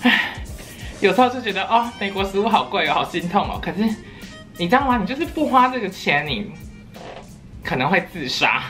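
A woman's voice: medium pitch, very animated, brisk, a bit bright, soft background music. A young woman, chatting playfully in a casual eating vlog at home and breaking into silly sing-song voices. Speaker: vlogger.

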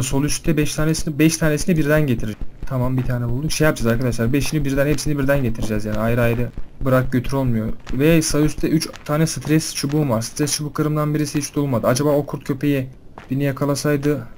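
A young man giving casual commentary on a horror game, chatting to his viewers and panicking loudly when scared. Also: medium pitch, fairly even intonation, fast talker, a little hiss or hum. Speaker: gaming video host.

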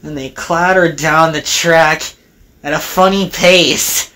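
A woman narrating a homemade train story in an unhurried, sing-song way. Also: sits low, fairly even intonation, a bit bright.

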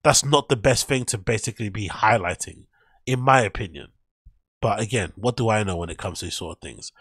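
A podcast host with a fairly low, fairly bright, breathy voice speaks briskly into a boom-mounted studio mic, giving a dry, studio-quality sound. He reads through on-screen posts and an article, commenting casually and skeptically while rambling and correcting himself.

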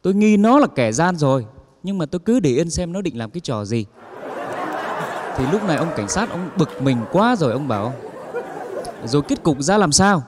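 A man telling funny stories on stage and acting out the people in them. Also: on the high side. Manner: lively storyteller acting out quoted characters. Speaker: comedian telling jokes on stage. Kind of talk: stand-up joke telling. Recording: long hall reverb.

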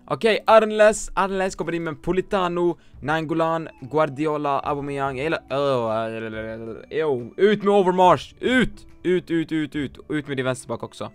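A man's voice: on the high side, few pauses, clear, resonant tone. A man reviewing viewers' football game teams in casual commentary, blunt and joking, swearing often and mixing in English slang. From Sweden. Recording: faint music behind.

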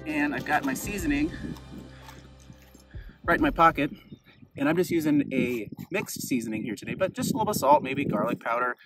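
Man, thirties, camp cooking demo, chatty and upbeat, slightly high pitch, outdoors, faint music behind. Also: big pitch swings, fairly quick, vocal fry, long pauses, low-quality recording. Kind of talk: casual cooking demonstration. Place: outdoors on a rock in open grassland.

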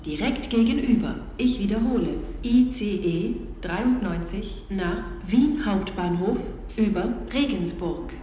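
A woman with a standard German accent reads scripted automated platform announcements in a measured, segmented, neutral delivery over a train station loudspeaker. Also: mid-range voice. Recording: echoey station PA, clear background station noise.

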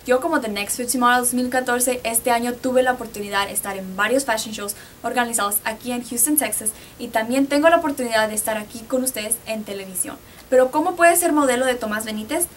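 A woman's voice: on the high side, brisk, hardly any pauses, distant mic, slight background noise. A young woman working as a model and co-host, presenting on television in a cheerful way. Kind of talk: TV show presenting. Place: studio.

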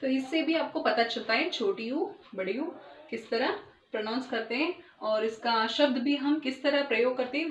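A woman teacher giving a recorded Hindi lesson to young children, spelling words slowly and clearly and mixing in English words. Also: a little high. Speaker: primary school teacher. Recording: echoey room, distant dull mic.

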